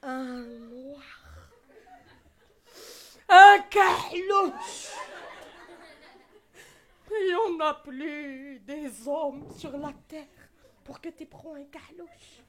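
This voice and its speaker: A woman's voice: sits high, extremely slow, pauses often, a bit bright, a faint crowd, full character voice. A woman voicing an outraged middle-aged mother who scolds and wails melodramatically. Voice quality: wailing, melodramatic.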